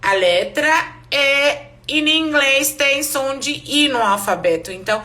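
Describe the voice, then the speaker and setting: A woman teaching an English pronunciation class live online, explaining slowly and repeating each word for her students. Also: sits high, lively intonation, sharp tone.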